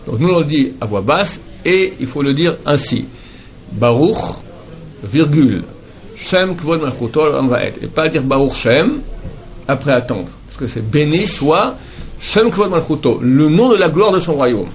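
A man teaching a lesson on prayer, patiently repeating words slowly to model how they should be pronounced. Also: fairly high pitch, expressive. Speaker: Torah teacher.

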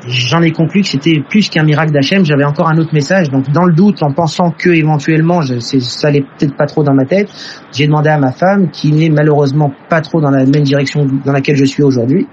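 A man's voice: on the high side, fast talker, darkish tone, lo-fi sound, a little hiss or hum. A man telling an emotional personal story in an earnest way. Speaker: testimony teller. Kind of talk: personal testimony.

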